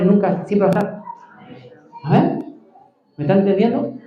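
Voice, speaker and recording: Pastor, male, high mellow voice, call-and-response sermon, echoey church hall. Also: highs cut off. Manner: preaching with call-and-response prompts to the congregation.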